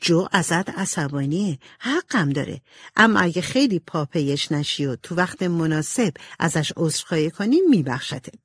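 A woman doing a calm sensible older sister. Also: fairly low pitch, husky, dry recording. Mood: reassuring.

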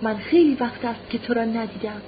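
A woman's voice: fairly high pitch, muffled recording, slight background noise, close to an everyday voice. Tearful pleading noble mother, read by a woman. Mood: tender. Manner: pleading, choked with tears. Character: desperate loving mother, noble lady. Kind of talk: audiobook reading.

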